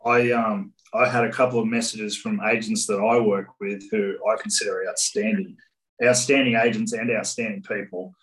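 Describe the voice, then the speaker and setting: A man's voice: on the low side, steady tone, moderate pace, a bit bright, poor audio. A man co-hosting a casual podcast, with a dry, matey sense of humour. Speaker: podcast co-host.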